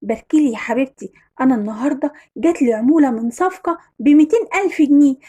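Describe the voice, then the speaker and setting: A woman's voice: sits high, very fast, close to an everyday voice. A woman with an Egyptian accent voicing a hot-tempered middle-aged father who scolds his family. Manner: scolding, shouting in anger.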